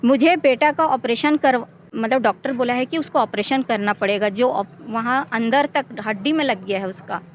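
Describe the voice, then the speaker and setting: A woman's voice: fairly high pitch, normal speed, hardly any pauses, slight background noise. A middle-aged woman, the mother of a victim, giving an urgent, pleading eyewitness account in a news interview.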